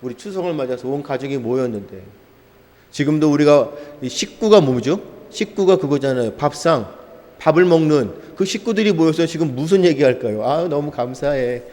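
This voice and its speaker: A male pastor preaching a sermon, firing off rhetorical questions and answering them himself, swinging between loud emphatic lines and quiet low ones. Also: expressive, fairly quick. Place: church sanctuary. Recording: church hall reverb.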